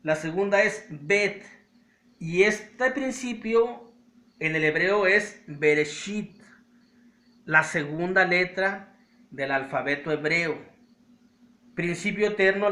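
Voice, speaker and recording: A Mexican man teaching a Bible study, emphatic and slowing down to stress key words. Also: a little high, pushed and bright, recorded from a distance. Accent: Mexican Spanish. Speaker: preacher. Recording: roomy echo, voice from off-mic.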